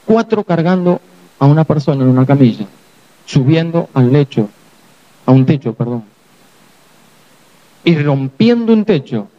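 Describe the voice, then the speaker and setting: A man's voice: fairly high pitch, expressive, measured pace, pauses often, dull audio. A man with a Rioplatense Spanish accent preaching a sermon as pastor, acting out the voices of people in the story.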